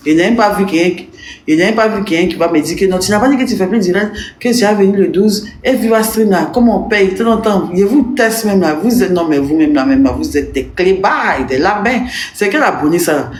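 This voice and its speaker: Speaking to her live-stream audience in a mid-range voice, a woman who's had a bit to drink rambles and teases at a fairly quick, animated clip, often dissolving into giggles. Slight background noise and a faint, roomy ambience fill the recording.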